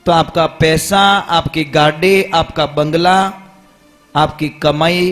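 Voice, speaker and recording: High-voiced preacher. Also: male voice, fairly even intonation, takes it slowly, a bit bright, faint music behind. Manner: earnest, addresses listeners directly. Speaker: religious speaker. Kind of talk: storytelling religious discourse. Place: live gathering.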